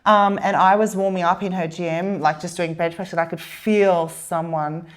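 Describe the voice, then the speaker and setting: Chatty woman, low-pitched. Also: fairly even intonation, normal speed. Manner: chatty, swears casually, trails into restarts. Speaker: podcast guest. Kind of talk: casual chat.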